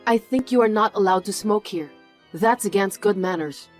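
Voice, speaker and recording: A woman playing a patient single mother who answers with a measured, reasonable manner in a dubbed drama. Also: medium pitch, faint music behind, lightly acted. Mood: reproachful.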